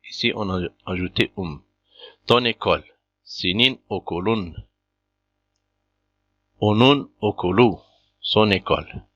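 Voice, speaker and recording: Slow, bright-toned male language teacher. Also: lowish voice. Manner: patient, methodical, repeats examples. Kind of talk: slow beginner language lesson. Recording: dull lo-fi dry recording.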